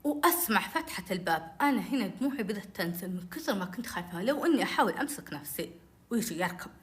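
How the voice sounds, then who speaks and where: A woman telling a personal story, animated and acting out the dialogue. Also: medium pitch, rapid-fire.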